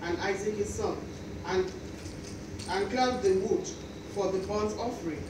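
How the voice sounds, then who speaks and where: A woman's voice: medium pitch, a little slow. Woman reading scripture in an echoey hall. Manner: steady reading of old-style English verse. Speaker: scripture reader. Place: small church hall. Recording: echoey hall from far off, noisy.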